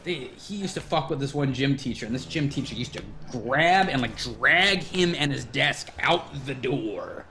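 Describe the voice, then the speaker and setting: A male podcast host chatting casually, his voice swinging widely in pitch as he tells a story. He curses freely and drives the conversation with loose, animated energy. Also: normal speed, few pauses, a little hiss or hum. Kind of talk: casual chat. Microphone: livestream podcast mic.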